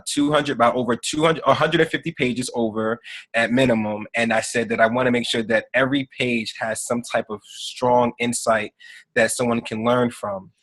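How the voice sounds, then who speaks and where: A man in his thirties, a podcast guest and author, telling a story earnestly in a conversational interview, often trailing off softly. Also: medium pitch. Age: 30s.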